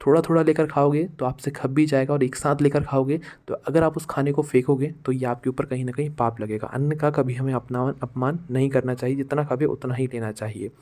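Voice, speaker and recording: A man's voice: medium pitch, fairly even intonation, a little fast, few pauses, a little mellow. A man talking casually to his viewers, giving household advice in a repetitive, friendly way and calling them friends. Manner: repetitive, addresses listeners as friends. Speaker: vlogger giving household remedies.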